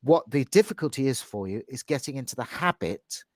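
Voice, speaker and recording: A man's voice: medium pitch, lively intonation, a little fast, darkish tone, no room sound. A man with a modern British accent coaching pronunciation one to one, instructive and encouraging, demonstrating sounds carefully.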